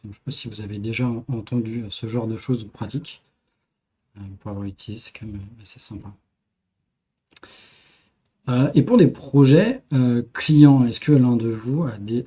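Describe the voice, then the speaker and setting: A male host steering a relaxed tech podcast panel, asking questions and inviting guests in turn. His voice is somewhat husky and mellow. Easygoing conversational delivery. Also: medium pitch. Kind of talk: casual tech panel chat.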